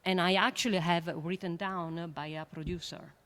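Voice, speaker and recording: A woman scientist speaking on a panel in an earnest, halting way, with many fillers and repeated words. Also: on the low side, fairly even intonation, fairly bright tone. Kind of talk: panel discussion remarks.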